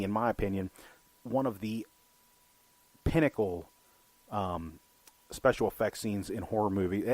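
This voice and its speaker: A man's voice: lowish voice, darkish tone, no echo. A man co-hosting a film podcast, rambling and swearing freely, with lots of "you know". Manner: rambling, profane, heavy use of "you know". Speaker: podcast co-host. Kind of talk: casual film chat.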